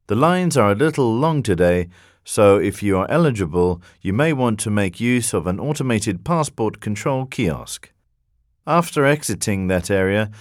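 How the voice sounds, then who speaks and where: A man reading a scripted airport announcement in a calm, informative way. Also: fairly low pitch, dry recording, clean studio sound. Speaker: airport announcer in a test recording.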